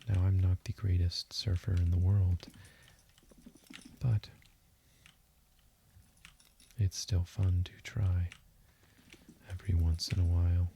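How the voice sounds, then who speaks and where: A gaming video host offers calm, soothing commentary in a hushed, deliberate voice that drifts toward a whisper, as if meant for sleep. His voice is deep with vocal fry. Faint hiss and the sounds of keyboard typing and mouse clicking run in the background.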